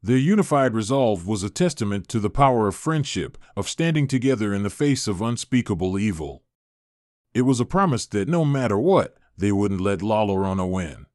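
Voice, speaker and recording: Man narrating a spooky tale with lively pitch. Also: moderate pace, no room sound, clean studio sound. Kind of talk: scripted horror story narration.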